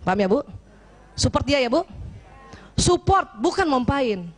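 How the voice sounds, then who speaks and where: An Indonesian woman giving a lively religious lecture to women, playfully acting out husbands and wives as she talks. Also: sits high, unhurried. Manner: lively, playful, often acts out husband and wife.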